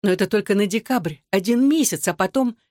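A woman's voice: mid-range voice, fairly quick, a little mellow, no echo, studio quality, pitched above the performer's own voice, lightly acted. A reader voicing a frightened young wife in an audiobook, her voice trembling and pleading with her husband. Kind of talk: audiobook dialogue.

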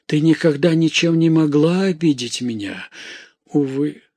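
A noble mother cries out in anguish and grief, put on by a male audiobook reader. Her lines come high, slow and tearful with a husky edge, in a dry close sound. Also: darkish tone, no room sound. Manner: sobbing, anguished. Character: grieving noble mother, sobbing and desperate.

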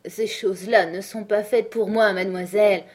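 A simple, loyal old housekeeper, quick to tears and earnest in her protests, as a woman reader puts her on. She speaks plainly, her voice rising whenever she defends the children she loves. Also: mid-range voice, fairly even intonation, a little mellow, natural voice. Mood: earnest, pleading. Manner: earnest, easily stirred protests.

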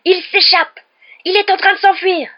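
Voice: very high voice, fairly even intonation, normal speed, voice pushed up. A reader voicing a furious stout uncle who roars his lines in a slightly muffled, lo-fi recording. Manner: roaring shouts.

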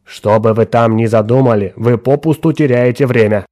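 A man's voice: mid-range voice, normal speed, dark tone, natural voice. A man voicing a harsh, contemptuous boss woken at night, curt and barking. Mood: angry scorn.

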